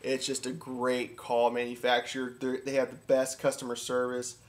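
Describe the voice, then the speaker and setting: Speaking in a monotone at a moderate pace, a duck calling instructor gives an easygoing how-to talk. His voice is medium-pitched, and though he repeats himself informally, his enthusiasm for the subject comes through.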